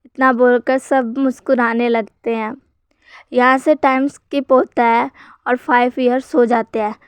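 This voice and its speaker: High chatty woman retelling a story. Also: fairly even intonation, a little slow, smooth, no room sound. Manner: chatty, addresses viewers.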